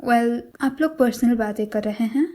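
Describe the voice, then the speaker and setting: A woman retelling a drama episode, reading every character's lines in one steady voice. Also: a little high, normal speed. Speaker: series recap narrator. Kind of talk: retelling a drama with quoted dialogue.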